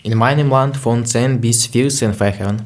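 A man, answering interview questions in a halting way with restarts. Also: mid-range voice. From Ukraine. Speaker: interview guest. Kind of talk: scripted answers.

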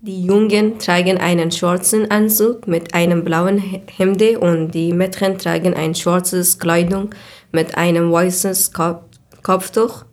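A woman's voice: on the low side, fairly even intonation, slow pace, a little mellow. A woman, answering interview questions carefully with small slips. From Afghanistan. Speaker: interview guest. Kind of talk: scripted answers.

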